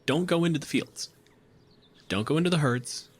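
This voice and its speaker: As game master and show host, a man improvises tabletop game narration, telling the story conversationally with dramatic emphasis. His voice is on the high side with a breathy edge, at normal speed.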